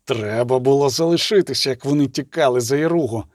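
A man's voice: mid-range voice, brisk, darkish tone, no echo, clean studio sound, lightly acted. A man voicing a bitter male elf officer who speaks scornfully, in an audiobook.

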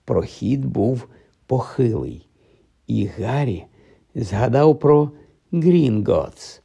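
A man reading a storybook aloud as an audiobook narrator, expressive and measured. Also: mid-range voice, vocal fry, husky.

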